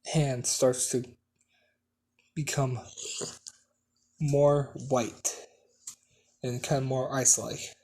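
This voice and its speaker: A man's voice: mid-range voice, level tone, extremely slow, long pauses, warm tone. A man improvising a fan story at home, hesitant, with many fillers and restarts.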